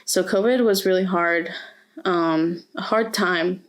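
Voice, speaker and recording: A woman's voice: lowish voice, takes it slowly. A young woman from Mexico, interviewed as a student, speaking earnestly and reflectively with frequent hesitations. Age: young adult. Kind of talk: oral history interview. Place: university campus.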